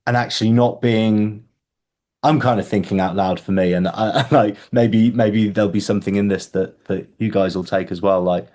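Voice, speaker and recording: A man hosting a book club call, thinking out loud, repeating words and restarting his sentences often. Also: fairly low pitch, steady tone, normal speed. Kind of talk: casual group video call.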